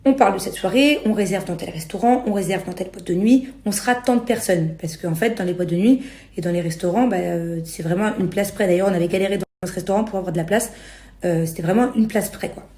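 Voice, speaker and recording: Young woman, casual social media rant, exasperated, slangy, self-justifying, dark mellow tone, echoey room sound. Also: mid-range voice, fast talker. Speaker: reality TV personality. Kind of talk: casual spoken rant to followers. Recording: roomy echo on the voice.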